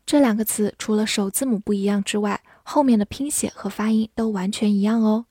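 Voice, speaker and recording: A woman teaching English vocabulary, spelling words slowly letter by letter in a clear, scripted lesson. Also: mid-range voice, fairly even intonation, warm tone, dry recording, studio quality.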